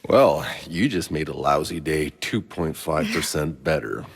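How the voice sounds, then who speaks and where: In this video game performance, a male actor voices a tired, cynical sci-fi soldier who swears freely. His pitch is extremely low and his voice gravelly and husky, with gruff, sardonic, clipped lines delivered unhurriedly. The acting is heavy, and a long reverb tail follows each line.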